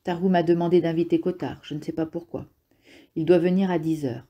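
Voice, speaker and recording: Woman narrator doing a low, husky, sober doctor for an audiobook. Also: little pitch movement, fairly quick, warm tone, lo-fi sound, close to an everyday voice. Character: serious, reserved male doctor.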